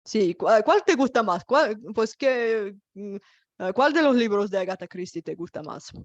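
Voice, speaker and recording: A Bulgarian woman hosting a casual conversation in a foreign language, pausing often with fillers as she searches for words. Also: mid-range voice, expressive, no echo, highs cut off. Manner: hesitant, many fillers while searching for words. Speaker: host.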